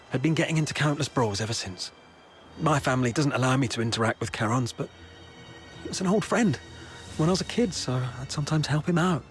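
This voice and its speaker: A male actor with a natural, medium-pitched voice plays a young town escort guard in a video game. The character is anxious, chatty, world-weary yet soft-hearted, and explains things conversationally.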